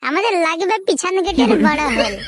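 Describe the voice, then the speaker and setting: Woman voicing flustered interviewer, cartoon, polite, stammering, very high. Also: very animated, a little fast, heavy background noise. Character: flustered interviewer at a shady business. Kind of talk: cartoon comedy acting.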